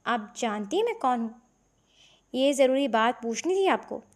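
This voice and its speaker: Stern, scornful devout young woman in a novel reading, read by a woman; sharp and cold. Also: fairly high pitch, expressive, close to an everyday voice.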